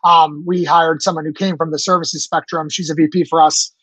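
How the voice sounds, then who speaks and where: A man's voice: fairly high pitch, level tone, brisk, a bit bright, breathy edge, dry recording, poor audio. A man in his late thirties, a startup founder answering interview questions eagerly, with many fillers and restarts. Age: 30s.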